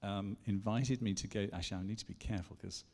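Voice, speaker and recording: A man from England teaches at a church conference in a relaxed, rambling way, full of asides and jokes at his own expense. His voice is low and gravelly, and a long hall reverb trails after his words. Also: fast talker. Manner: chatty, self-deprecating, full of asides. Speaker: conference speaker.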